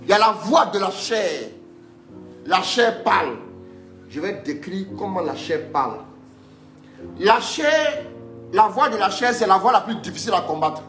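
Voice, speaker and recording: A man's voice: sits high, lively intonation, measured pace, pauses often, a bit bright, roomy sound, soft background music. A man preaching a live-streamed teaching sermon, emphatic and repetitive, urging listeners on and having scripture read aloud. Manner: emphatic, repeats phrases, urges listeners on.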